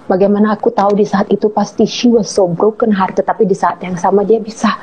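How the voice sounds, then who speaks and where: A woman telling a heartfelt personal story as an interview guest, earnest and slowing on key words. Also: medium pitch, little pitch movement, mellow. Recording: muffled lo-fi audio with faint hiss.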